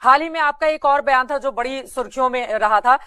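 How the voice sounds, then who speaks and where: A woman's voice: sits high, brisk, pushed and bright, smooth, dry recording. A woman interviewer asking persistent, probing questions.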